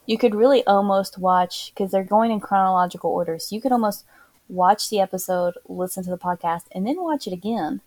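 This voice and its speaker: A woman in relaxed podcast conversation, recorded inside a closet. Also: mid-range voice, a little fast, no echo. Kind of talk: casual podcast chat.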